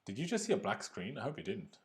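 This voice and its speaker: A young Austrian man hosts a live stream reacting to a football draw, chatting casually, reading viewer comments and laughing often. His medium-pitched voice is very animated and he talks fast.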